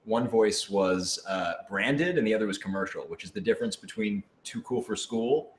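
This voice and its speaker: A young adult American man who voices a role in a radio drama chats casually and tells stories in a wry, joking, rambling way. His voice is fairly low in pitch at a moderate pace, recorded in an echoey room with audible noise.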